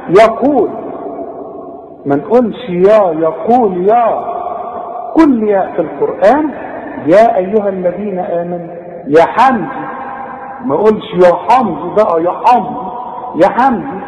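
An Egyptian man teaching Quran recitation rules, correcting mistakes and chanting verses slowly. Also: sits high, big pitch swings, darkish tone. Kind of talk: tajweed lesson with recitation. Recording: echoey room with long reverb.

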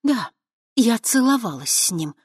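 An audiobook reader voicing a quick-tempered young woman witch in a high, sharp voice. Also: lively intonation, no echo, studio quality, natural voice. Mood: angry. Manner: high, sharp, emotional delivery. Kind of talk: audiobook character voice.

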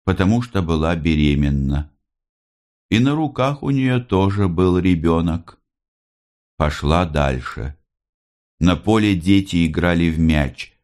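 Deep-voiced man reading a novel aloud. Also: a little mellow. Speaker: audiobook reader. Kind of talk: scripted literary narration.

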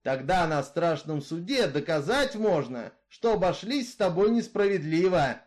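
A man voicing a bitter, brooding male outlaw killer in a read-aloud story, in a rough folksy way of talking. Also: a little high, big pitch swings, normal speed, darkish tone. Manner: rough folksy drawl, brooding, growling at times.

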